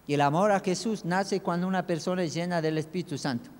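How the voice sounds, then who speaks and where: A man's voice: sits high, quick pace, darkish tone. A man preaching a sermon as a pastor, emphatic and full of rhetorical questions. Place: church. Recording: echoey church hall.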